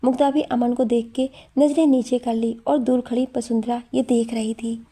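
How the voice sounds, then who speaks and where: A woman's voice: fairly high pitch, moderate pace, slightly rough. A woman narrating a scripted audio story, reading steadily and voicing every character herself. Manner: steady storytelling, reads all the voices.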